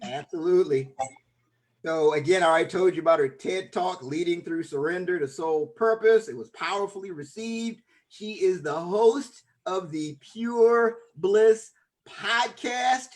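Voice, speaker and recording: Eager higher-voiced male podcast host. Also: measured pace. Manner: enthusiastic, stumbles and repeats words. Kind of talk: casual interview introduction.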